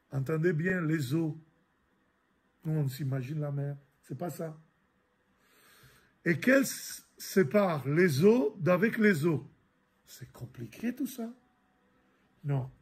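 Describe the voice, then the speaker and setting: Man, priest, middle-aged, catechism lesson, halting with repeated words, very slow, gravelly voice. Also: fairly high pitch, darkish tone. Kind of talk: catechism lesson reading and explaining scripture.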